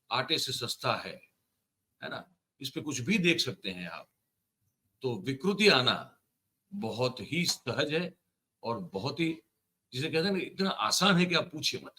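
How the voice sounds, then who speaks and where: A male online news commentator addresses his viewers directly. His voice is bright and forceful, and his delivery is indignant and emphatic, pressing each point hard. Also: mid-range voice, animated, slow.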